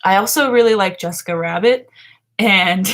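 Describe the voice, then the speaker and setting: An unhurried woman with a medium-pitched, slightly bright voice hosts a casual morning livestream, chatting with chat readers from her small bedroom indoors. In her twenties, she laughs often and trails off with fillers, framed by a webcam at her desk.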